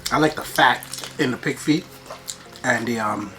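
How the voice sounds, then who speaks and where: A woman with a low voice chats to her viewers while chewing her food. She is playful and informal, often repeating a phrase, with light music playing behind her. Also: moderate pace, bright, forceful tone, poor audio. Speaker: mukbang host. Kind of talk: casual eating-show chat to viewers.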